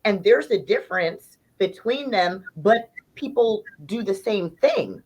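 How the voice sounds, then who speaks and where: A woman's voice: mid-range voice, animated, a little mellow, husky, poor audio. A woman hosting a casual interview chat in a playful, slangy way. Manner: playful, slangy, drawn-out emphasis. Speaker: podcast host.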